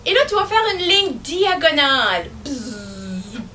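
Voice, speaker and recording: A young woman with a Québécois accent teaching young children, asking them questions in a slow, sing-song way. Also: very high-pitched, big pitch swings, pushed and bright, a little hiss or hum. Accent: Québécois French. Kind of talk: children's lesson.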